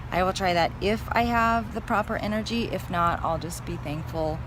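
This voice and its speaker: A woman's voice: fairly low pitch, moderate pace. A woman chatting casually to viewers as a fitness vlogger, thinking aloud in a hesitant, musing way. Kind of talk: casual vlog chat to camera. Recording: clear vehicle and outdoor noise.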